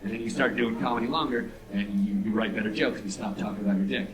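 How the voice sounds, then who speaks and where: A young man doing a stand-up comedy set, telling a story in a deadpan way that jumps to excited outbursts. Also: lowish voice, quick pace, crowd noise, poor audio. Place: comedy club stage with live audience. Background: audience laughter.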